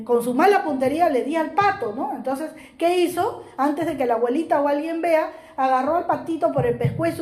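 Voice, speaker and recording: Woman preacher telling a story, high voice, lots of room echo. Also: a little mellow. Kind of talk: sermon with storytelling. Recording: roomy echo.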